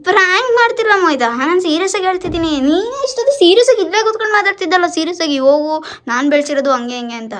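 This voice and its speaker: A young woman vlogger, talking fast and insistently as she argues with her partner on camera. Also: very high-pitched, lively intonation, a bit bright, slight background noise. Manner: insistent, rapid, emphatic. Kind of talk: couple prank vlog argument.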